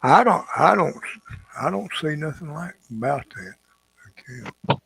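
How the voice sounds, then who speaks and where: Gravelly man, folksy and drawling. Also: fairly high pitch, animated, normal speed, a bit bright, no room sound, low-quality recording. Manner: muttering to himself while clicking through settings. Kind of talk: casual live stream chat.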